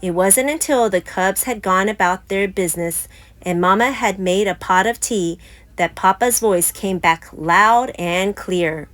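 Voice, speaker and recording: A woman reading a children's picture book aloud slowly and expressively. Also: medium pitch. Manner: slow, lively expressive reading. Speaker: storyteller.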